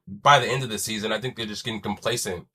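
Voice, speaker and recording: A young podcast host talks sports solo, casual and slangy, swearing now and then. His lowish, bright voice has a breathy edge and a steady tone, he speaks fast, and a chest cold makes him wheezy and stuffy.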